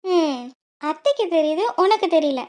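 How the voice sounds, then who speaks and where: A caring middle-aged mother gives advice in a lecturing way in a cartoon, voiced by a woman. Her voice is very high. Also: lively intonation, normal speed, a little mellow. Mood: advising. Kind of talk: cartoon voice acting.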